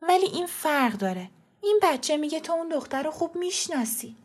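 A woman's voice: sits high, big pitch swings, voice pushed up. A woman reading a story voices a frightened but defiant mother, speaking urgently and tensely.

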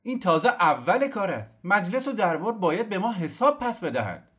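A man reading an audiobook, voicing a fiery old male exile leader who declaims and shouts. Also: high-pitched, sing-song, voice pushed up.

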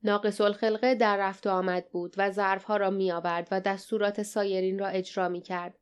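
A woman narrating an adventure audiobook with steady, measured storytelling. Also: medium pitch, clean tone. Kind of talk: scripted narration.

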